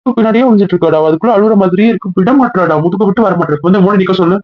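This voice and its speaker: A young man in casual couple banter, scolding and teasing with rapid-fire questions. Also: sits high, no echo. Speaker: husband in a couple vlog skit. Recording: dull, dry lo-fi audio.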